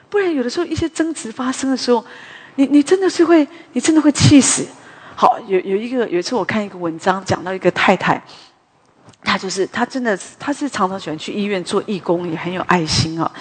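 A woman preaches in a chatty, animated storytelling way, drifting into side remarks as she goes. Her voice is slightly husky and sits in a middle range. The sound carries a long hall reverb. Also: medium pitch. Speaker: preacher at a women's morning prayer meeting. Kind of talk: conversational sermon with storytelling.

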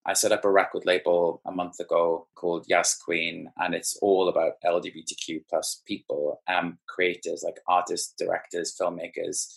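Man, very low, gravelly and husky, casual, on a call. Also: level tone, moderate pace, hardly any pauses. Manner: casual, many fillers. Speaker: runs a small record label. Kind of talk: casual sharing at an online group call. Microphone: video call.

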